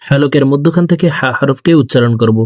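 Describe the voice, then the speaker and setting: A man teaching Quran reading in a slow, gentle lesson, saying each letter over and over so viewers can repeat after him. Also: mid-range voice, dry recording, studio quality.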